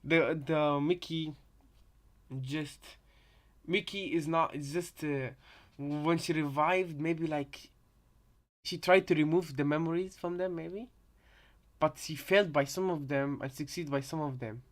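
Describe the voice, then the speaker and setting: On a live reaction stream, a man with a fairly high, steady voice chats casually at an unhurried pace. He rambles hesitantly and keeps repeating his phrases. He's speaking through a headset microphone.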